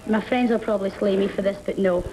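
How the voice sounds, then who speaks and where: A Scottish woman from Glasgow chatting as a quiz show contestant, lively and firm. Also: medium pitch, fast. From Scotland. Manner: lively, insistent about her name. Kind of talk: casual chat. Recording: very noisy 1960 television broadcast recording.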